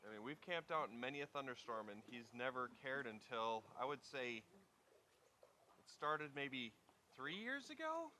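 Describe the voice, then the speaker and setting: A man vlogging casually from a wilderness campsite, chatting in a relaxed way and gently coaxing his dog. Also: medium pitch, normal speed, a little hiss or hum. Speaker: outdoor vlogger. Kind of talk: casual vlog narration.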